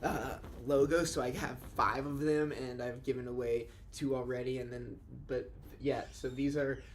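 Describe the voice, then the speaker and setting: A young man chats casually as a podcast host, rambling and restarting his sentences, his voice at an average pitch. A faint hiss of noise sits under the recording. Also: steady tone, normal speed. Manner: rambling, restarts a lot, says dude and like. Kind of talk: casual chat.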